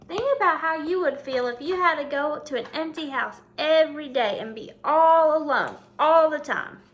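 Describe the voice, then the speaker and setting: At a normal pace, a woman with a high voice reads a children's picture book as a teacher would, narrating and remarking while talking straight to young listeners and nudging them to think. The sound is lo-fi, with a slight hiss or hum.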